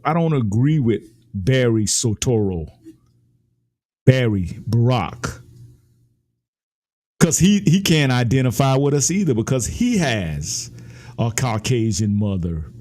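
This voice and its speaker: A man holding forth in heated political talk, his voice at an ordinary middle pitch. He argues with emphasis and passion and pushes higher and louder as he builds his points. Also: animated, slow. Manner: impassioned, emphatic, rises in pitch when ranting. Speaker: political commentator.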